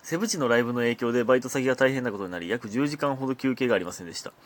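A man's voice: medium pitch, rapid-fire. A man with a Kansai accent hosting his own casual solo talk show, chatty and often laughing as he talks. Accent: Kansai Japanese. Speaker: comedian podcast host.

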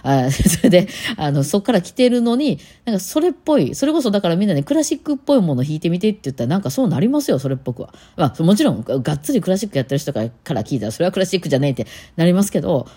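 A woman's voice: lowish voice, very animated, rapid-fire, few pauses, warm tone, breathy edge. A woman musician with a Kansai accent, talking casually on her own show and rambling with lots of fillers. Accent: Kansai Japanese. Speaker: musician and podcast host. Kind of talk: casual solo talk.

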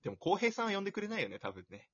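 A man's voice: high voice, sing-song, rapid-fire, highs cut off, crowd noise. A man chatting casually, playful and self-deprecating, with a rambling way of talking. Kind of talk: casual chat.

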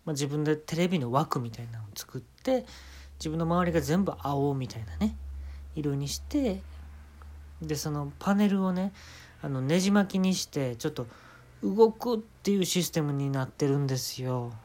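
A man's voice: a little high, expressive, normal speed, a little mellow. A man with a Kansai Japanese accent hosting a podcast, telling an absurd comic story and giving mock-serious instructions in a casual monologue. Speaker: podcast host.

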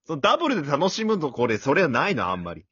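A man co-hosting a casual podcast chat, teasing his partner with quick retorts and frequent laughter. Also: on the high side, huge pitch swings, fairly bright tone, breathy edge, lo-fi sound. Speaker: podcast co-host.

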